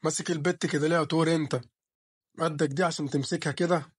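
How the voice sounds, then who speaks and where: A man's voice: a little high, steady tone, quick pace, husky, dry recording, clean studio sound. A man voicing a protective doting father. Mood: scolding. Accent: Egyptian Arabic.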